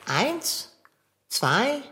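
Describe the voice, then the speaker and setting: A woman voicing a bossy know-it-all male cat in a children's radio play, with a husky voice and a theatrical, commanding manner. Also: high voice, sing-song, drawn-out words, sharp tone, in a large hall, a little hiss or hum, full character voice. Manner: bossy, theatrical, ordering about.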